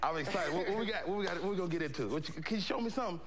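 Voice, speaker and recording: A man's voice: high voice, rapid-fire, a loud crowd. A man visiting a boxing camp on camera, teasing and joking around. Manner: playful, teasing, laughing. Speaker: visiting entertainer.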